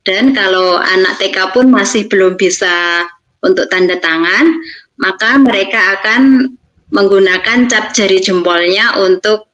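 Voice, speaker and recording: A woman's voice: mid-range voice, a little slow, fairly bright tone, highs cut off. A woman teacher from Indonesia giving a presentation on classroom practice, explaining steps plainly. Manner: explanatory, acts out teacher and pupil lines.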